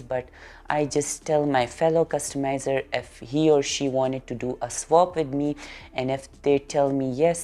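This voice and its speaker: A woman's voice: low-pitched, mellow. A young woman with a Pakistani accent, a doll artist answering viewer questions in a casual vlog, earnest and plain-spoken. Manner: earnest, simple phrasing with repeated intensifiers.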